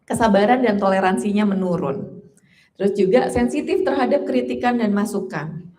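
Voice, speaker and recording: A woman's voice: medium pitch, moderate pace, mellow. A woman in her late thirties giving a casual, chatty workshop talk to an audience. She laughs often and acts out the voices of the people she quotes. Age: 30s. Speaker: trainer.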